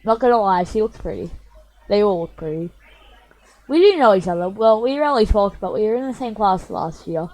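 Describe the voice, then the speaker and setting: A woman's voice: medium pitch, animated, brisk, a little mellow, poor audio. A young woman reading a visual novel aloud for her stream, chatty and self-mocking, with a slightly sore voice. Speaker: gaming streamer.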